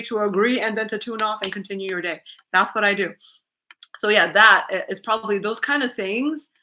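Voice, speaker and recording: Speaking from her living room, a woman runs a livestream Q&A as a YouTuber, laughing a lot and reading comments out to viewers in a candid chat. The audio is poor; her voice is lower yet comes across pushed and bright.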